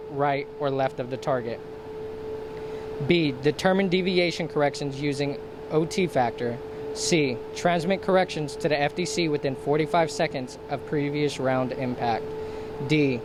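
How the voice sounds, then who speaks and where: A man giving scripted military instruction in a formal, procedural manner, enumerating each step. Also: on the high side. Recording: clear steady ambient background noise.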